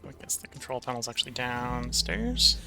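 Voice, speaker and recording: A man giving casual gameplay commentary as he plays, thinking aloud in a halting way. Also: medium pitch, sing-song, creaky, bright, forceful tone, soft background music. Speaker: host of a blind video game playthrough.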